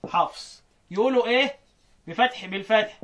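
A man with an Egyptian Arabic accent and a high, fairly bright voice teaches the variant Quran readings through call and response. He quizzes his student, repeats each answer, and drills phrases slowly.

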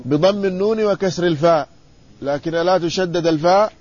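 Male scholar, hadith class, somewhat high voice, reads then explains, quizzes students, muffled lo-fi recording. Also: fairly quick, darkish tone. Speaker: Islamic scholar teaching hadith. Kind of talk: classroom lesson reading and explaining a text.

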